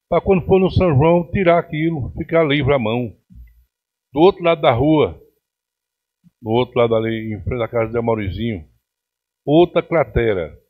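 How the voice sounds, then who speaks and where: Speaking into a stand-mounted podium mic, this middle-aged Pernambuco councillor delivers a plenary address and hammers his grievances with indignation. His voice sits slightly high for a man, and the sound is dull and lo-fi, much like a council broadcast feed.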